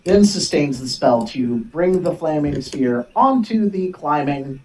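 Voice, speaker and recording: A game master with a mid-range voice runs a tabletop role-playing game. The delivery is casual and animated, with pitch that moves around a great deal from phrase to phrase. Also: measured pace, rough recording.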